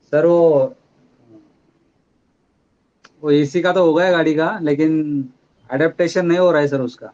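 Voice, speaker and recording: A man's voice: on the high side, fairly even intonation, a little slow, long pauses, darkish tone, highs cut off. A man, a technician describing his car repair problem step by step in a hesitant way. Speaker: technician asking a question.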